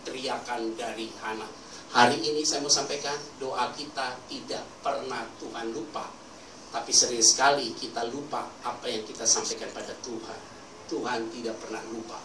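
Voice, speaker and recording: A man's voice: mid-range voice, fairly even intonation, normal speed, pushed and bright. A male pastor preaching a sermon, telling stories and calling out questions for the congregation to answer. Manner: storytelling with call-and-response to the congregation. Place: church hall. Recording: echoey hall mic from a distance with ambient noise.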